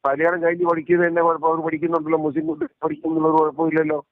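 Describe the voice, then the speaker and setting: A man heard over a narrow, tinny phone line, his voice sitting a little high for a man. He talks quickly and emphatically, circling back to repeat his points. The line is dry, with no room sound around him. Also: expressive, vocal fry, dry recording. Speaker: interviewee. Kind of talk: casual phone conversation.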